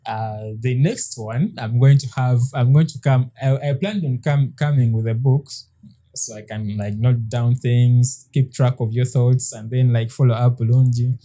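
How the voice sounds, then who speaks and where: Podcast co-host, male, 30s, very dark mellow tone, hesitant and halting in casual chat. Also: medium pitch, fairly even intonation. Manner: hesitant, with frequent restarts and soft laughs.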